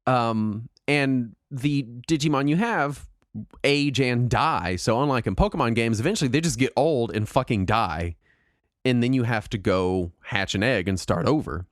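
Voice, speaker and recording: A man hosting a podcast in casual, jokey, self-deprecating chat, his throat raspy from a cold. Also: mid-range voice, moderate pace, no echo, studio quality. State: sick with a mild throat cold and cough. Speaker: podcast host.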